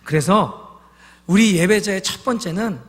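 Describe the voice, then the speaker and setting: This man's voice sits high, animated and fairly bright, moving a little slowly as he preaches in a large church hall. As pastor, he shares heartfelt stories and asks the congregation questions.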